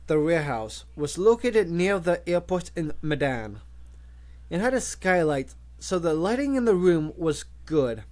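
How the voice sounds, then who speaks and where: A man reading a novel aloud as an audiobook, slow and expressive. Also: on the high side. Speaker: audiobook reader.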